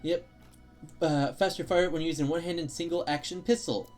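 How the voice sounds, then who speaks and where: A man's voice: on the high side, fairly even intonation, moderate pace, a little mellow, faint music behind. A young man streaming a game, explaining its mechanics in a rambling way with lots of fillers and restarts, hiccuping now and then. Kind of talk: casual gameplay commentary.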